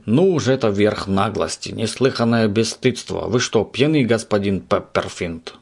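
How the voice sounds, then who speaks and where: A man voicing an angry middle-aged landlady who scolds and shouts through a door. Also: lowish voice, moderate pace, creaky, slightly rough. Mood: furious.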